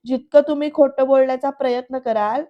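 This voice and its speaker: A woman's voice: sits high, fairly even intonation, a little fast, muffled recording, close to an everyday voice. A woman voicing an outspoken young woman from a serial who scolds sharply. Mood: scolding.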